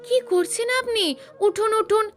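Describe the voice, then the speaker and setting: A woman voicing a shy, polite young male college student who speaks softly and formally. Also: very high-pitched, unhurried, soft background music, voice pushed up. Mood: flustered. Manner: meek, soft-spoken, formal.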